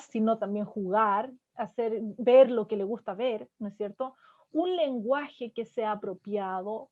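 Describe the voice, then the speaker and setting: Woman counselor giving a parenting talk, kinda high voice, keeps asking the room "ok?" type questions, muffled lo-fi audio. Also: a little mellow. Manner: checks in with listeners constantly with short tag questions. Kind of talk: parenting lecture to an audience. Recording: dull lo-fi sound.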